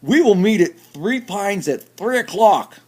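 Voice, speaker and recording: A man voicing a cheerful, friendly male duck who speaks brightly and kindly. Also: sits high, animated, measured pace, voice pushed up.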